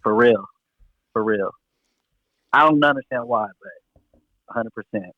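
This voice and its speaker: A man's voice: lowish voice, a little slow, bright, forceful tone, no echo. A man in casual conversation, slangy and repeating his phrases in agreement, on a dull radio-like recording. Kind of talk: casual chat.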